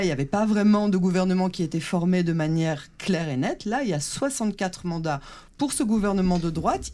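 A woman's voice: on the low side, dark tone. A woman interviewing a guest on the radio in a conversational style, building long, probing questions.

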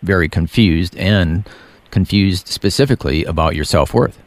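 A man hosting a faith-based interview, calm and affirming, often murmuring agreement as his guest speaks. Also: low-pitched, normal speed, no echo. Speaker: interview host.

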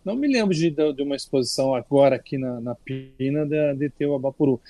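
A man's voice: medium pitch, fast, no room sound. An older Brazilian man, a culture critic, talking casually on a radio segment with frequent restarts. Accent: Brazilian Portuguese. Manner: relaxed, chatty with frequent restarts.

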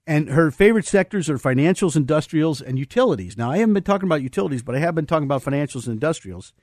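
A man's voice: a little high, expressive, very fast, a little mellow, no room sound, studio quality. A man hosting a financial talk radio show, rambling through market views with many fillers and restarts. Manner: explains market terms plainly.

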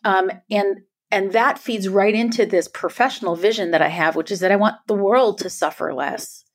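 A middle-aged woman, a guest author, speaks earnestly and emphatically in a podcast conversation, frequently tagging her points with "right?" to check in. Her voice is mid-range and her speed normal.

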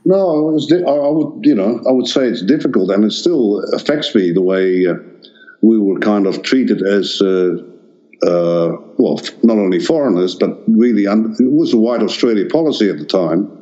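Hesitant and full of fillers and false starts, an older Dutch-born artist, Dutch by mother tongue, answers interview questions. His voice is lowish and dark-toned with lively intonation at normal speed, and the sound is lo-fi.

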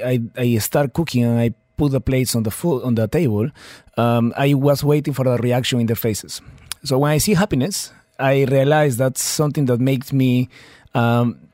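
A man from Peru with a Peruvian Spanish accent, a chef being interviewed on the radio, cheerful, laughs easily and pauses often mid-sentence. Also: mid-range voice, no echo, studio quality. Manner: warm, cheerful, laughs easily, halting phrasing. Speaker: chef, studio guest. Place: radio studio. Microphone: studio microphone.

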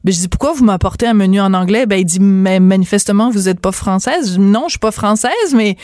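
Chatty radio host. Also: female voice, mid-range voice, a little mellow, dry recording, studio quality. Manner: chatty, teasing, drawn-out phrasing. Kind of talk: radio interview.

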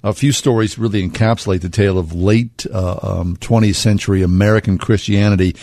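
A man with a lower voice hosts a casual radio talk segment. He rambles along with frequent fillers and restarts. The studio sound is close and dry. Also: steady tone, fairly quick, darkish tone, no room sound. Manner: rambling, hesitant with many fillers. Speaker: radio show host.

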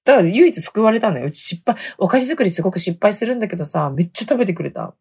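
Husky-voiced chatty woman podcast host. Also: mid-range voice, expressive, racing, a little mellow. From Hokkaido. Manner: chatty, laughs often, dialect sentence endings. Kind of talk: casual storytelling chat.

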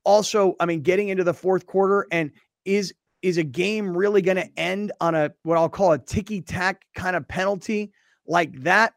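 Casting note: middle-aged male radio host, lively chatty delivery, slightly higher voice, dry close sound. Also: normal speed, creaky, no room sound. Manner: energetic, conversational. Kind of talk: sports talk radio.

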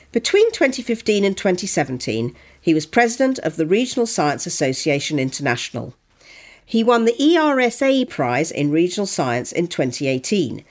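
A podcast host leads an interview show, speaking articulately through prepared introductions and questions. Her voice is low for a woman, and her intonation is lively with lots of movement.

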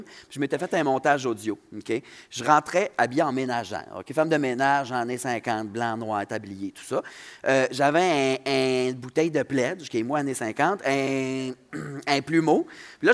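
A man with a Saguenay Quebec French accent, a drag performer telling stories as a guest in animated, swearing casual talk. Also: medium pitch. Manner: animated, swearing, quick laughter. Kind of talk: casual podcast storytelling.

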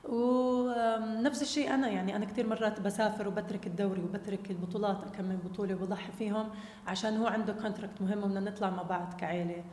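A young woman with a Jordanian Arabic accent talks very quickly in casual, story-like conversation. She slips English words into her sentences. The room is echoey, with long reverb around her voice. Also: medium pitch, steady tone, darkish tone. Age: young adult. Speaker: interview guest, basketball player.

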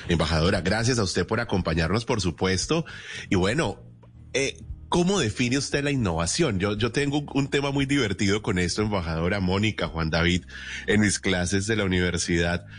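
A man's voice: on the low side, lively intonation, moderate pace. A man with a Colombian accent hosting a radio programme, explaining things didactically and emphatically with rhetorical questions. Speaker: radio host. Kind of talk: explanatory radio presenting and interviewing.

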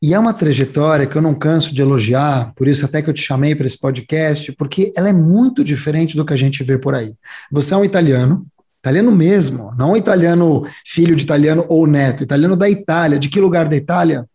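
A man's voice: a little high, fast talker, mellow, breathy edge. A man hosting a podcast, speaking in a polished, upbeat, motivational way. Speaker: podcast host. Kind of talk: podcast intro and interview.

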